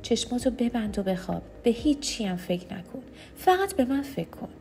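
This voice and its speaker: A woman voicing a controlling man who speaks softly and calmly with quiet menace. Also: a little hiss or hum. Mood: menacing. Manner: soft, quiet, low-key.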